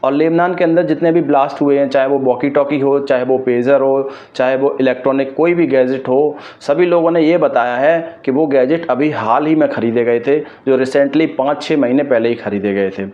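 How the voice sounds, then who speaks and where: A man from India hosts an explainer video channel, giving viewers news commentary in a mid-range, steady voice at a moderate pace with few pauses. He's emphatic and opinionated, repeating his points, and the mic sounds dull and lo-fi.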